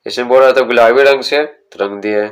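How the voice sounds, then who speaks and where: A male teacher working through a school textbook, reading each English sentence slowly and then explaining it, asking questions and answering them himself. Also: medium pitch. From India.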